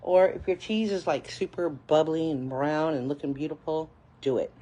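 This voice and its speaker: A woman's voice: low voice, moderate pace, dark tone. A woman hosting a casual live cooking stream from her home kitchen, talking to viewers as y'all, a bit hot and out of breath. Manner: chatty, addresses viewers as y'all. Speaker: cooking livestream host. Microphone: phone livestream.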